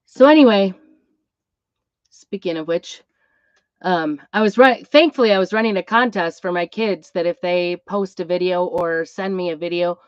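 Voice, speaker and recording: A woman's voice: lowish voice, no room sound. A woman who is sick and congested, chatting in a rambling way on her craft livestream from inside a metal trailer that gives her voice a tinny, tin-can sound. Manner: chatty and rambling, drifting between topics. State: sick, congested, with a lingering cough. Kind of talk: casual live-stream chat. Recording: dry, dull, tinny trailer recording.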